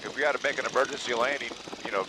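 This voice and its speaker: A man's voice: medium pitch, steady tone, very fast. An easygoing man giving casual, encouraging flight instruction in a raised voice from an open biplane cockpit. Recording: very loud engine and wind noise. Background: aircraft engine roar.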